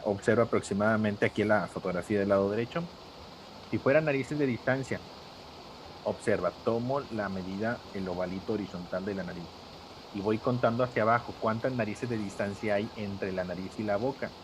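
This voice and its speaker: A man's voice: on the low side, fairly quick, noisy background. A man teaching a live drawing class, patient and step by step, calling on students by name.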